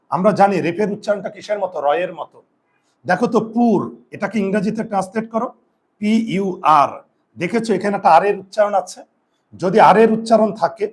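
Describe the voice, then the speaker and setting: A male teacher with a fairly high voice leads a spelling lesson for his students. He repeats each rule several times. He asks the class questions and then answers them himself. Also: darkish tone. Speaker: Bengali grammar teacher.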